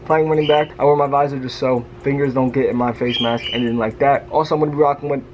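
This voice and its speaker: A man's voice: medium pitch, quick pace, muffled recording, noisy background. A young man in a football helmet, chatting energetically to the camera in a casual product review. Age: young adult. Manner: energetic, chatty, addresses viewers directly. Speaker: vlogger.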